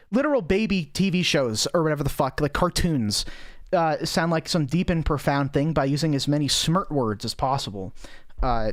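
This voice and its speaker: A man's voice: a little high, dry recording, studio quality. Sarcastic, profane male streamer. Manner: rambling, sarcastic, profane, with many fillers. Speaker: streamer reacting to videos. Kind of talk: casual live-stream commentary.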